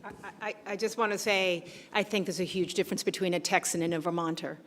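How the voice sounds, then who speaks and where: A woman's voice: lowish voice, fairly even intonation, fast, very noisy. Canadian woman, teasing panel remark. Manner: light, teasing, laughing.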